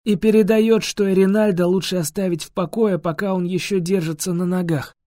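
A man's voice: sits high, steady tone, brisk, warm tone, dry recording, studio quality, natural voice. Sullen young male friend, terse, read by a male narrator.

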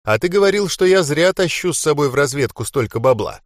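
A blunt, chatty rebel stonemason, voiced by a male reader, somewhat higher than the reader's plain voice and lively in tone. He rattles on in a storybook reading with a dry close sound. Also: a little fast, no room sound, close to an everyday voice. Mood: boasting. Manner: blunt, talkative.

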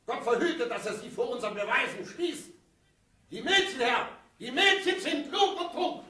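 An actor playing an earnest, desperate farmer pleading urgently but respectfully in an echoey 1950s German radio play. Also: male voice, extremely high pitch, animated, normal speed, sharp tone, exaggerated voice. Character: earnest, desperate farmer petitioning a powerful judge. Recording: echoey room, distant from mic.

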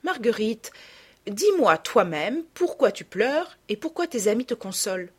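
Storybook role: a woman playing a refined noblewoman and mother, calm, tender and polite. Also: a little high, measured pace, husky, heavily acted.

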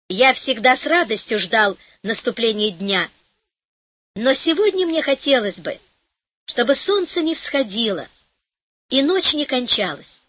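A woman's voice: high-pitched, a bit bright, no room sound, heavily acted. A woman reading an audiobook, voicing a fiery young man who is hot-tempered and lovesick and rants in heaps of words. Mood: tender. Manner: rapid indignant ranting, emphatic word piling.

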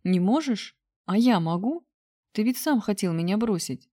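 A woman reading aloud voices a loving young woman who teases and scolds her partner, her voice raised above the reader's own. The sound stays mellow and dry, as in a close storybook reading. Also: lowish voice, lively intonation, moderate pace, no echo. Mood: tearful. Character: young woman, affectionate, teasing lover.

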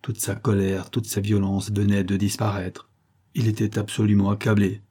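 A man narrating an audiobook serial in a low, steady storytelling voice. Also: normal speed, breathy edge.

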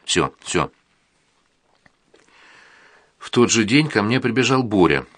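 A man narrating a first-person audiobook in a plain, even reading manner. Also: fairly low pitch, takes it slowly, no room sound.

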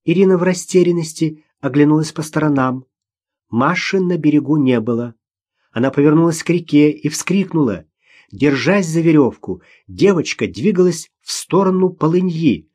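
A man's voice: on the high side, animated, normal speed, a little mellow. A man reading a novel aloud as an audiobook narrator, telling the story expressively.

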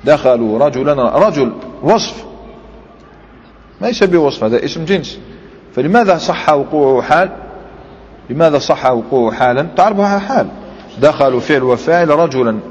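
A man's voice: mid-range voice, slightly rough. Man teaching grammar in a hall. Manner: explains step by step, quizzes students with quick questions. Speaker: Islamic scholar teaching Arabic grammar. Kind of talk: classroom grammar lesson. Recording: dull lo-fi recording with long hall reverb.

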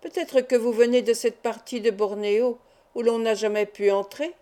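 A woman's voice: a little high, fairly even intonation, moderate pace, mellow, lightly acted. A woman reading the lines of a male innkeeper who asks prying, self-satisfied questions. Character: curious tavern keeper, man, pleased with himself.

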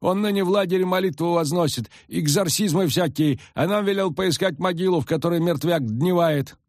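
A man's voice: sits high, a little fast, darkish tone, dry recording, studio quality, voice pushed up. A man doing a pushy superstitious old peasant. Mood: insistent. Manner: rustic folksy speech, insistent.

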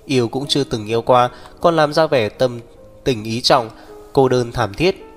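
A man's voice: mid-range voice, close to an everyday voice. A man playing a blunt, scolding mother. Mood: brisk. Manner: brisk, scolding. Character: blunt, teasing middle-aged mother. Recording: long reverb, faint background music.

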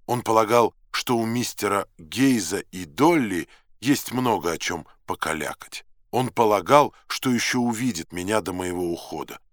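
A man reading a novel aloud as a first-person narrator, in a measured, dramatic and ironic manner. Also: fairly low pitch, animated, dry recording, studio quality. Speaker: audiobook narrator.

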